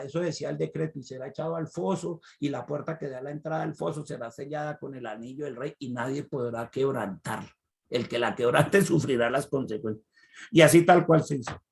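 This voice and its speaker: Gravelly, animated preacher. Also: male voice. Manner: animated, swinging from loud cries to low asides. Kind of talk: sermon retelling a Bible story.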